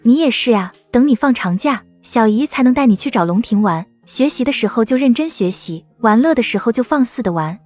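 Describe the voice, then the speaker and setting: A gentle young aunt, played by a woman in a cartoon drama. Her voice is fairly high, and she talks in a patient, soothing way. Faint music sits under her lines. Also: animated, a little fast, few pauses.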